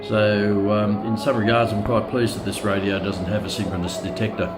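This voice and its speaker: A hobbyist gives a casual, unscripted product review in a lowish, flat voice, hesitating and often pausing mid-sentence. Radio audio plays loudly behind him, and the sound is reverberant.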